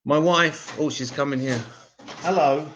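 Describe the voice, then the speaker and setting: A man doing a stand-up set of one-liners, deadpan and self-mocking. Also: a little high, a little slow, highs cut off, background noise. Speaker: stand-up comedian.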